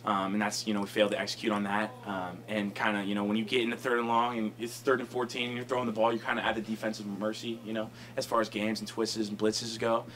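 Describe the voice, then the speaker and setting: Fast-talking young man at a press conference. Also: fairly low pitch, monotone, fairly bright tone, a little hiss or hum. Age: young adult. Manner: fast, rambling, many fillers like "you know" and "um". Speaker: college football offensive lineman. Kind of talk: post-game press conference answers. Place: press conference room, indoors. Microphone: table microphone.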